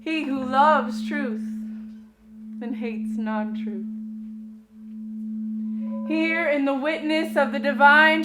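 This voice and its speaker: A woman's voice: high-pitched, very noisy, heavily acted. A woman voicing a solemn goddess who speaks for a divine court, in formal, ceremonial pronouncements. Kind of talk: stage drama performance. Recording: loud music under the voice.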